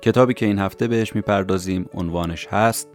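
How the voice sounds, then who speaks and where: A man hosting a podcast, calmly summarizing a book for listeners in scripted narration. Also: deep voice, faint music behind. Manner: calm, explanatory, addresses listeners directly. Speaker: podcast host summarizing books.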